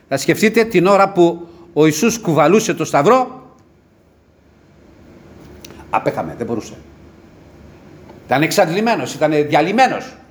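A man preaching a sermon with passion, rising to loud cries and dropping to low murmurs.

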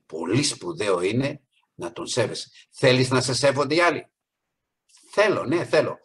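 Husky-voiced man preaching a sermon. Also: medium pitch, expressive. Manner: earnest, voice rises on key points, acts out quoted people.

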